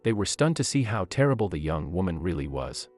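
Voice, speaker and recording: A man's voice: deep voice, sing-song, fairly quick, darkish tone, soft background music. A man giving scripted storytelling narration, leaning on key lines with dramatic emphasis.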